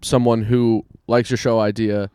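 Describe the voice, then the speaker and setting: A man's voice: on the low side, flat delivery, measured pace, warm tone, clean tone, no echo. A male comedian chatting casually with a co-host, joking in a dry way with wry asides. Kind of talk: casual chat.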